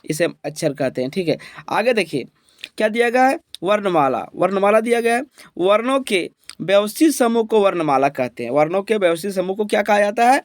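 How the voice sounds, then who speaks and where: Man, high voice, teacher, exam prep lesson, asks and answers his own questions, dry close sound. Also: lively intonation, brisk, dry recording. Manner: repeats each point as a question and answer, "ठीक है?" checks.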